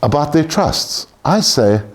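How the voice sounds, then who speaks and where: A man's voice: fairly high pitch, sing-song, slow pace. A man lecturing a class on tax, blunt and joking, swearing casually.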